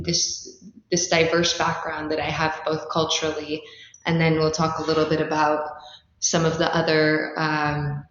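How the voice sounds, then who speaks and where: A Dutch woman with a low-pitched voice answers interview questions as a startup founder, explaining things articulately. The recording sounds roomy and slightly dull, with a little hiss or hum.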